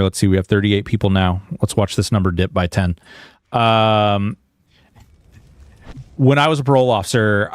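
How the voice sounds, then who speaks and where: A man in his early forties streams a game, talking to viewers in an informal, halting, self-deprecating manner with a bit of mild swearing. His voice is fairly low, clear and resonant, recorded with no echo.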